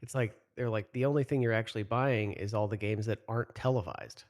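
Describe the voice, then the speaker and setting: A man's voice: on the low side, fairly quick. A man co-hosting a casual group podcast, telling stories with lots of laughter and the odd swear word. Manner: animated storytelling, swears, laughs a lot. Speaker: podcast co-host.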